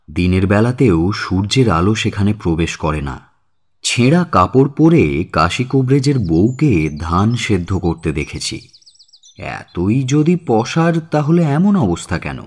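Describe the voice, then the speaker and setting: A male actor with a low voice plays a sceptical, educated villager narrating a Bengali audio story. He speaks at a measured pace with a Bengali accent, heavily acted, expressive and wry.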